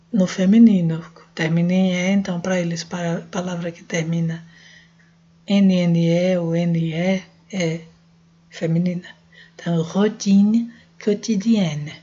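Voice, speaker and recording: Brazilian woman, language teacher, husky warm voice, dull lo-fi recording. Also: fairly low pitch. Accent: Brazilian Portuguese. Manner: slow, spells out letters and sounds. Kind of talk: casual French lesson.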